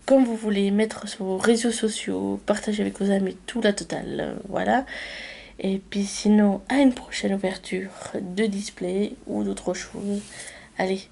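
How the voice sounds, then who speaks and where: A woman's voice: medium pitch, fairly even intonation, unhurried, vocal fry, mellow, breathy edge. A woman chatting unscripted through a card-opening vlog, talking straight to her viewers. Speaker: YouTuber opening trading card packs.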